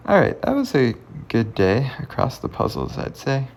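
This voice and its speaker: A man's voice: mid-range voice, huge pitch swings, normal speed. A man hosting a puzzle channel, giving casual commentary as he solves puzzles, thinking aloud and often muttering under his breath. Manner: thinks aloud, mutters and half-whispers while working things out.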